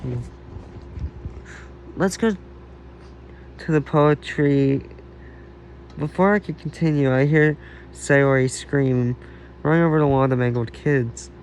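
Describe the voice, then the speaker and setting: Man reading a fan story haltingly. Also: a little high, a little mellow, a little hiss or hum. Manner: halting, frequent restarts and self-corrections. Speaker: fan fiction reader.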